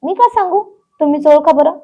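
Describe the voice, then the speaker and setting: A woman's voice: high-pitched, animated, fairly quick, voice pushed up. A woman voicing a shy, playful young bride in a storybook reading. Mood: coy. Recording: dull lo-fi sound.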